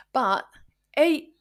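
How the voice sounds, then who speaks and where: A British woman co-hosting a podcast, leading a casual, playful chat and asking her co-host questions. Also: fairly high pitch. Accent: British English. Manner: lively, playful, asks questions.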